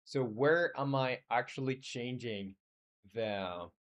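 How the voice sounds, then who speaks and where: A man's voice: medium pitch, takes it slowly. Man thinking aloud while coding. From Chile. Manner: thinks aloud, hesitant with many fillers and restarts; answers viewers in a friendly way. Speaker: game developer streaming live. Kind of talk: casual live-stream coding chat.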